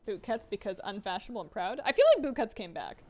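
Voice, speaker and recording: A woman's voice: mid-range voice, animated, fast, darkish tone. A woman in her late twenties chatting casually on a live game stream, reading chat and joking about herself. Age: 20s. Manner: chatty, self-deprecating, reads chat aloud.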